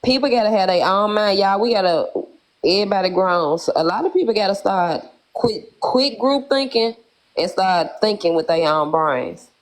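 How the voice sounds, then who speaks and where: A woman with a Memphis Southern accent, speaking emphatically on a live stream. She talks in a preachy, advice-giving way at a middling pitch, laughing between points. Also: lively intonation, normal speed. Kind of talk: casual live chat.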